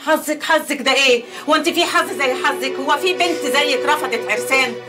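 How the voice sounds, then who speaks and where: A woman's voice: high voice, fairly quick, natural voice. An actress playing a coaxing middle-aged mother in a poor neighborhood, speaking with an Egyptian accent. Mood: fussing. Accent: Egyptian Arabic. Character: caring Egyptian working-class mother, coaxing and fussing. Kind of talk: TV drama acting. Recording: TV soundtrack with music underneath.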